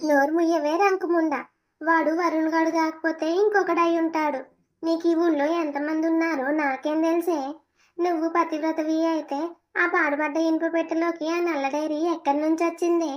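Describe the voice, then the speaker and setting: A cruel mother-in-law hurls scolding insults in a cartoon family drama, voiced by a woman. The voice is very high and thin, and the delivery is flat with little melody. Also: fairly quick. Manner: scolding, abusive.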